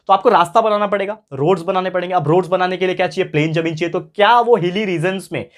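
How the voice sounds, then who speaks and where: A male tutor from India giving a classroom lecture, repeating key phrases slowly and asking his students questions. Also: high-pitched. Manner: mixes English phrases into speech.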